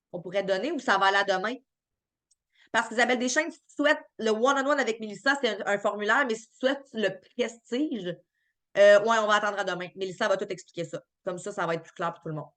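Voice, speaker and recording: A woman's voice: mid-range voice, fairly quick, a bit bright. Québécoise woman reading out chat questions on a live stream and answering them, chatty, lots of euh, upbeat and joking. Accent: Québécois French. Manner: chatty and upbeat, many fillers and restarts.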